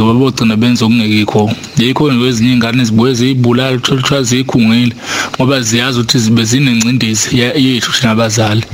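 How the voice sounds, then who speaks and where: A man's voice: mid-range voice, a little hiss or hum. A man with a Zulu accent making a casual appeal in a listener's message to a radio show. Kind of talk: casual appeal to fellow parents.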